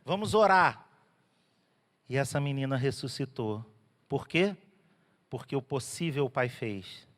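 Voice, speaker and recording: A man's voice: mid-range voice, unhurried, in a large hall. A man preaching a sermon as a pastor in a church, telling the story animatedly. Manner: animated storytelling, acting out characters.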